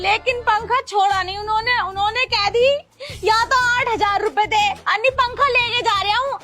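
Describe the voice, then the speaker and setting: A quarrelsome young village wife bickers dramatically, as a woman plays her. Her voice is very high. Clear background music runs beneath it. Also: pushed and bright. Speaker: comedy skit actor.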